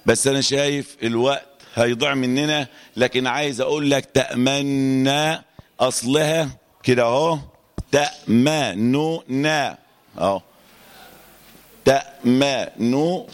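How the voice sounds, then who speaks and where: A man with an Egyptian accent teaching Quran recitation rules to a class, quizzing students and chanting verses slowly to demonstrate. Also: medium pitch, fairly even intonation, clean tone, long reverb tail. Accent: Egyptian Arabic. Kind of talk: classroom lesson on tajweed.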